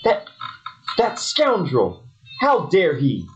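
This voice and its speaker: A man's voice: fairly high pitch, wildly swooping pitch, slow pace, dull audio, exaggerated voice. A man voicing a naive, lovesick young brother in a parody soap opera, whiny and melodramatic.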